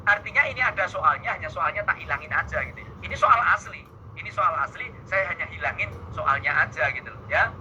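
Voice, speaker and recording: A man's voice: on the high side, animated, fairly quick, pushed and bright, muffled recording, a little hiss or hum. A man teaching an exam-prep math lesson, playful and teasing, talking back and forth with his students. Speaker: math tutor.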